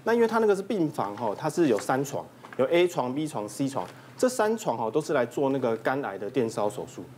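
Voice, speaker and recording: A man's voice: medium pitch, slight background noise. A man, a doctor, telling a comic story about a patient and imitating the people in it. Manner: lively, imitates patients, rushed delivery. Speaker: doctor guest.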